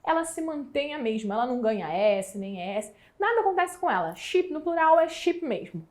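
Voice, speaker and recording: With a high, darkish, very animated voice, a woman from Brazil runs an English exam prep lesson; her Brazilian Portuguese accent comes through as she slowly elongates the example words.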